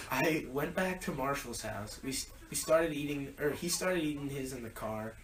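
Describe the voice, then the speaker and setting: A young man rambles through a story in relaxed podcast chat, full of ums and restarts. His voice sits back from the mic in an echoey room with faint noise behind. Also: medium pitch, moderate pace, recorded from a distance. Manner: rambling storyteller with frequent fillers. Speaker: podcast co-host. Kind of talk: casual chat.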